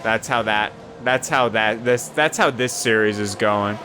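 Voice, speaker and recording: A young man casually commentating his own racing game session, swearing often and rambling between excited yelps. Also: fairly low pitch, a little slow, background noise. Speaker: gaming YouTuber.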